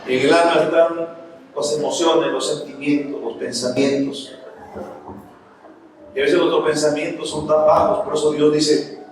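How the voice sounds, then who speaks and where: A man's voice: on the high side, fairly even intonation, measured pace, pauses often, a little hiss or hum. A man preaching a sermon to his congregation, calling them brothers. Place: church. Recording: very echoey church hall, mic far off.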